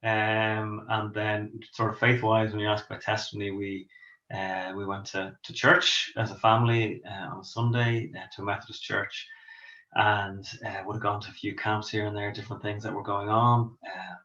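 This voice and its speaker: A middle-aged pastor and author from Dublin, Ireland, answers interview questions with plenty of ums and restarts. His voice is lowish, level and forceful, bright in tone, at a normal speed, and the recording is echoey with dull lo-fi sound.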